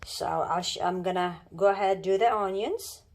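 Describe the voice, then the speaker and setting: A Filipino woman chats her way through a home cooking demonstration in her kitchen, rambling, restarting often and using lots of fillers. Her voice is mid-range and darkish, at a moderate pace.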